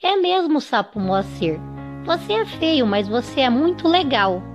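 A woman's voice: high voice, big pitch swings, unhurried, music in the background, full character voice. A woman voicing a frightened little girl who screams in panic. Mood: pleading. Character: scared little girl, shrieking at a frog.

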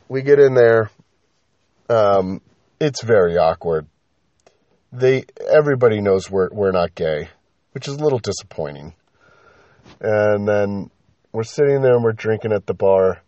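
A man's voice: on the low side, a little mellow, no room sound. A man telling a story in a casual, rambling way on a podcast, swearing and using lots of fillers. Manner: rambling, profane, many fillers. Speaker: podcast host. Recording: slightly dull lo-fi with faint noise.

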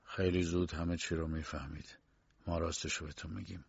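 A man voicing a smug low-ranking guard who talks in a low, hushed, clipped way. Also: little pitch movement, gravelly, slightly rough, no room sound, full character voice. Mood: officious. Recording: dull lo-fi dry recording.

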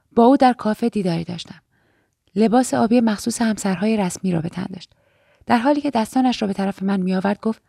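Woman audiobook reader, measured delivery, dark and mellow timbre, dry close recording. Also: a little high, vocal fry, dry recording. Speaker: audiobook narrator. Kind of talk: scripted narration.

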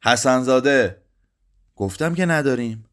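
A man's voice: medium pitch, expressive, fairly bright tone, natural voice. A man voicing a brusque, incredulous pharmacist in a read-aloud story, speaking in a curt way. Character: brusque male pharmacist, gruff then baffled.

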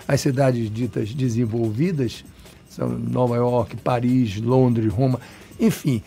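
With a mellow, medium-pitched voice, this man from Salvador in Bahia, Brazil, speaks Bahian Brazilian Portuguese. As an urban planner in an interview, he gives long, emphatic, digressive answers, talking a lot and often restarting.

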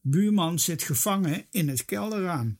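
A storyteller voicing a stubborn, bold little girl in a read-aloud children's story, with a husky, raised voice. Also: medium pitch, animated, voice pushed up. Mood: cheeky. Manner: defiant, quick-tempered.

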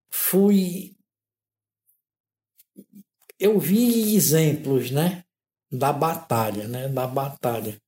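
Reflecting slowly on his life, this interview guest, an artist and modeler in his 60s from Ceará in Northeast Brazil, speaks in a measured, thoughtful way and frequently tags sentences with "né?". His voice is fairly high with a dark tone. The room gives a noticeable echo.

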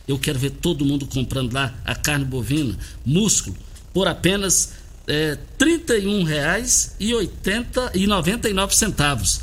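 A male radio host delivers a hard-sell ad. His voice sits fairly high and swings widely in pitch, pushing the offer with emphatic, promotional energy. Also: a bit bright. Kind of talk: hard-sell live ad reads and radio interviewing. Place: radio studio.

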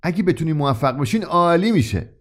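Young male customer, timid and doubtful, read by a male storyteller, audiobook, noticeably higher pitch. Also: expressive, a little mellow, close to an everyday voice. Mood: hesitant. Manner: hesitant, polite, doubtful. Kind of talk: audiobook character reading.

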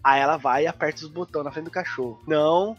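High-voiced man telling animated stories. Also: fast, faint music behind. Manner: animated storyteller, swears freely, acts out voices. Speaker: podcast host. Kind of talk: casual podcast chat. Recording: dull lo-fi podcast audio.

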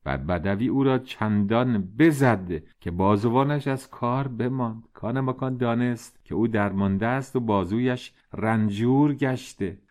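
A man's voice: mid-range voice, a little mellow. A man narrating a classic tale in a conversational retelling, with personal asides. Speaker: storyteller. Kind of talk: podcast storytelling in modern retelling.

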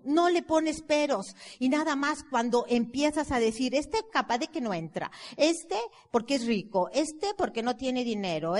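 A woman giving a motivational seminar talk on network marketing, emphatic and building up with repeated phrases. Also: high-pitched. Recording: long hall reverb from a live talk.

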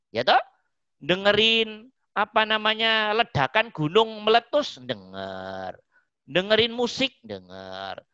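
A woman religious teacher preaches a sermon, her pitch rising and falling in lively swings. She repeats her warnings with emphasis. The recording is dry, dull and muffled. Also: no room sound.

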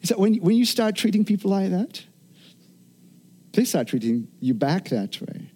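A man's voice: high voice, very animated, normal speed, mellow, breathy edge. Earnest middle-aged male pastor preaching. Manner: earnest, with frequent restarts and repeated words. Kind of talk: sermon.

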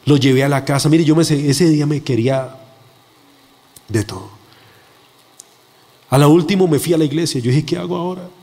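A male preacher with a fairly high voice gives an earnest, emphatic sermon built on personal testimony. He acts out the voices he quotes as he speaks. The long echo of a large church hall trails every phrase. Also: normal speed, pauses often, a little mellow.

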